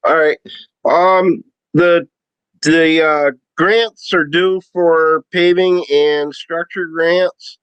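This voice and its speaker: Man, video call voice, lo-fi muffled sound, slow halting delivery, dry close audio. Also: on the high side, steady tone, a bit bright, clean tone, no room sound. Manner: halting, many ums and uhs. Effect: heard over a video call. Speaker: town highway worker reporting to the board. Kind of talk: informal meeting report.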